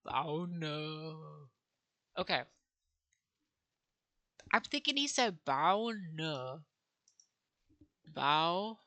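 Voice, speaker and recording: Woman, casual vlog, slow unhurried pace, bright tone, playful, sounds out syllables. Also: low voice, lively intonation. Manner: thinking aloud, sounding out syllables. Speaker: language learner vlogger. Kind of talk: casual think-aloud vlog.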